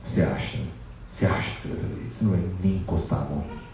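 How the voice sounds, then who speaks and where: A man's voice: low voice, sing-song, a little slow, darkish tone, slight background noise. A man voicing Sita as a defiant, proud captive queen who scolds her captor with scorn. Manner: scornful, commanding. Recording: echoey hall from far off.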